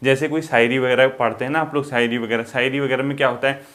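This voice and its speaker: A man teaching an exam-prep grammar lesson, explaining step by step, asking and answering his own questions, and slowing down to read example verses. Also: medium pitch, fairly even intonation, fairly bright tone. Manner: drawn-out, slowed reading of example verses.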